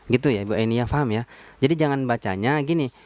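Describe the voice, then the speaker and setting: Male recitation teacher at middle pitch, live-stream lesson, patient and repetitive. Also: darkish tone, dry recording. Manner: patient, repeats sounds slowly to demonstrate.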